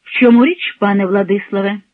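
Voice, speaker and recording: A man voicing a proud, courteous nobleman who speaks formally and deliberately. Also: high-pitched, steady tone, no echo, narrow, tinny audio, natural voice.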